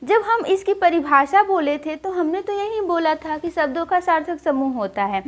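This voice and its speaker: A woman with a very high voice explains grammar like a teacher at the board. She restates each point in new words and slows down to read example sentences word by word. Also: expressive. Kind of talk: explanatory classroom lesson.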